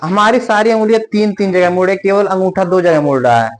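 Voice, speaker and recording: A man's voice: high voice, fairly quick. A male coaching teacher drilling a class with call and response, strict and scolding as he makes the students repeat. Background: class of children answering in chorus.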